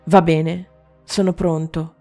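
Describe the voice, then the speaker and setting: A woman's voice: low voice, flat delivery, slow, warm tone, faint music behind. Woman reading a grieving, determined prince. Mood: earnest. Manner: earnest, emotional.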